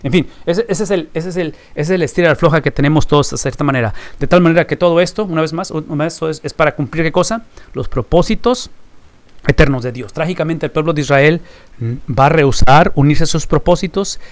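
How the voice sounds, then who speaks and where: A man's voice: fairly high pitch, fast. A man teaching a recorded Bible class, emphatic and fond of rhetorical questions he answers himself.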